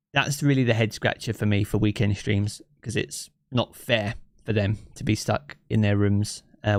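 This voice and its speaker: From his living room, a game streamer with a southeast English local accent chats casually with his live-stream audience, reading chat aloud and thinking aloud in an easygoing way full of fillers. His voice is fairly low in pitch, recorded in studio quality with no echo on a streaming mic with effects.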